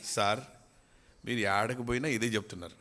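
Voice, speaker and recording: A man's voice: lowish voice, steady tone, brisk, sharp tone, long reverb tail. A man voicing a bold, cheeky male chauffeur who mocks and scolds in a sing-song way. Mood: mocking.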